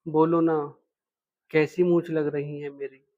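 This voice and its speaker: A man's voice: a little high, little pitch movement, slow pace, a little mellow. A man voicing a frank, playful young woman student in a read-aloud love story, in a dull lo-fi recording. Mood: teasing. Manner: direct, playful, lightly teasing.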